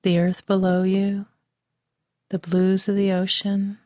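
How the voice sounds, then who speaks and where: Guiding listeners toward sleep, this woman uses a gentle, calming voice that is mellow and a touch low, keeping her delivery very slow and evenly flat. The close, dry studio-style voice-over has no echo.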